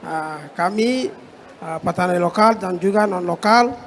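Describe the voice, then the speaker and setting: A man from West Papua, a farmer representative, speaking hesitantly with many pauses. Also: high-pitched, fairly bright tone, a little hiss or hum. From West Papua, Indonesia. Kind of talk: public petition to an official.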